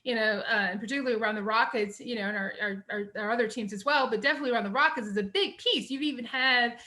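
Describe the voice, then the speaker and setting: A middle-aged woman, teaching a recorded lecture on essay writing. Her voice sits a bit high and sounds bright and forceful. She talks in a chatty way, with many fillers and "you know"s. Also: fast.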